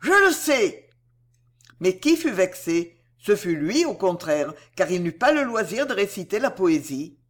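A narrator reading a classic novel aloud with expressive delivery. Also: medium pitch, normal speed, few pauses.

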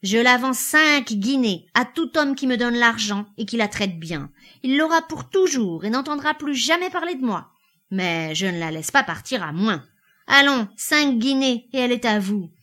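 A woman's voice: fairly high pitch, expressive, moderate pace, voice pushed up. A woman doing a brash drunken young hay-trusser. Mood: insistent. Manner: loud, mocking, swaggering.

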